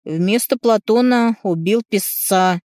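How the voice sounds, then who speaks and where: An awkward young brother who blurts out bad news in a sheepish, offhand tone, as a woman narrator puts him on. The voice is pushed a little higher and brighter than hers, recorded dry and close. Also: slow pace, no room sound, close to an everyday voice.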